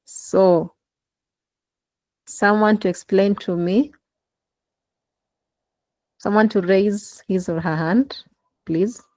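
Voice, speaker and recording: A woman's voice: medium pitch, fairly even intonation, drawn-out words, pauses often, darkish tone, dry recording, low-quality recording. A woman leading an online class session over a laptop call, encouraging her listeners to take part. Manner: encouraging, prompting participation. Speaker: instructor. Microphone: laptop in a video call.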